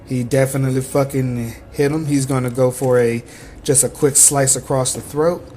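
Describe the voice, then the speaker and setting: A man's voice: medium pitch, steady tone, normal speed, mellow, slight background noise. A young man acting as game master, narrating in a rambling, self-correcting way with casual swearing.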